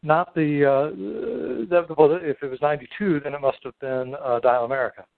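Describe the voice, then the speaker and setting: Middle aged guy hosting a three-way phone call, lots of halting rambly chat, tinny phone sound. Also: a little high, gravelly, no echo. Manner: hesitant, halting, wordy. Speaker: podcast host. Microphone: telephone call.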